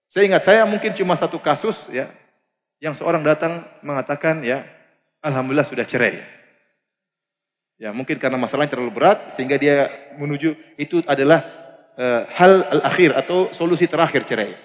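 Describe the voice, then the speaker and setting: Man preaching in a reverberant mosque hall. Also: a little high. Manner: lively, humorous, asks the audience questions. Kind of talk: Islamic lecture. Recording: muffled lecture recording in a reverberant hall.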